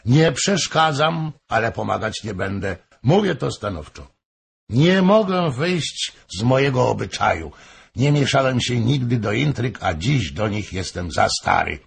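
A man's voice: mid-range voice, sing-song, a little slow, gravelly, slightly rough, heavily acted. A man reading aloud, voicing an old male courtier who firmly refuses to take sides. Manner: firm, refusing. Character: stubborn old male courtier, firm and neutral.

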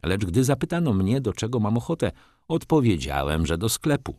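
Deep-voiced man narrating an audiobook. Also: sing-song, normal speed, darkish tone, no echo, clean studio sound. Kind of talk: scripted literary narration.

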